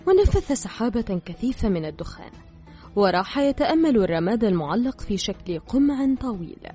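A woman reading a novel aloud as narrator, in a measured, dramatic scripted style. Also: fairly high pitch, sing-song, warm tone. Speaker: audiobook reader. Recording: slightly dull with faint music.

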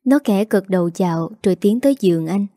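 A woman narrating an audio story in an even, measured way. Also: medium pitch, dry recording, clean studio sound.

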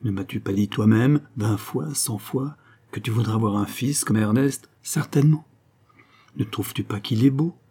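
A man's voice: fairly low pitch, moderate pace, dark tone, slightly rough. A man reading aloud, voicing an eager, pleading fifteen-year-old girl in a storybook. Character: passionate girl of fifteen, ardent and loving.

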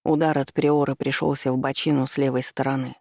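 Guy reading an audiobook, steady and measured, raspy gravelly tone. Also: mid-range voice, no echo, clean studio sound. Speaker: audiobook narrator. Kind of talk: scripted narration.

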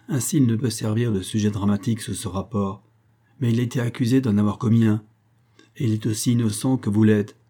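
A man's voice: fairly low pitch, warm tone, natural voice. A man as a wry, loyal friend. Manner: wry, jovial. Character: loyal, witty male friend defending Dick.

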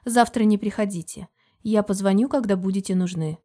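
Женщина читает за холодного властного мужа. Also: female voice, medium pitch, a little fast, warm tone, natural voice. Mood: curt. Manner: curt, steely. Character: cold controlling businessman husband, adult man.

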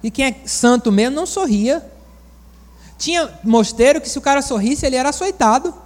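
A man from Bahia, preaching a sermon in a folksy, animated storytelling manner with asides to the congregation. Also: very high voice, a little fast, in a large hall. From Bahia, Brazil.

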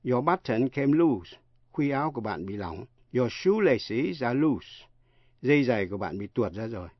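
A man teaching English pronunciation in a radio lesson, spelling words out letter by letter with slow, careful delivery. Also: mid-range voice, very animated, dry recording, dull audio.

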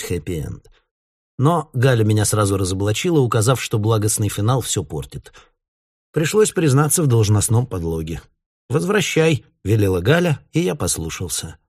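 A man, the author, reading his own story aloud in a measured, literary manner. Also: lowish voice, darkish tone. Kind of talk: audiobook narration.

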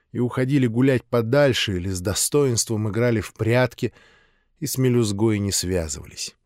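A man narrating a short story in a measured, expressive audiobook reading. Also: mid-range voice, no echo, studio quality.

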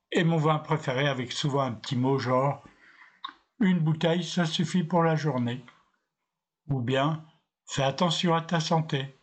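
A man narrating a scripted first-person story in a steady, unhurried way. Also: medium pitch.

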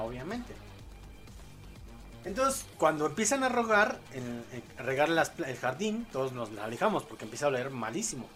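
A man's voice: fairly high pitch, fairly bright tone. A young man with a Mexican accent hosting a late-night podcast, rambling with fillers and crude jokes. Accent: Mexican Spanish. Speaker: podcast host. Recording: faint music behind.

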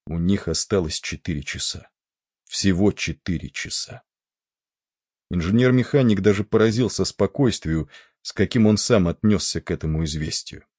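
Brief: male audiobook narrator, deep and husky, measured reading. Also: a little mellow, dry recording, studio quality. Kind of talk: scripted narration.

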